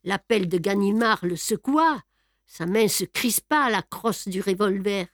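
A woman narrating a classic adventure novel aloud in a measured, expressive reading. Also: medium pitch, no room sound, clean studio sound. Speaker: reader. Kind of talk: audiobook narration.

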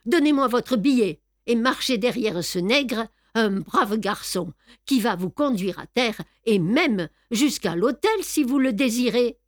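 A woman's voice: on the high side, animated, a little slow, dry recording, studio quality. A woman voicing a blunt, exasperated male sea captain in a storybook reading. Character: gruff blunt southern sea captain, man.

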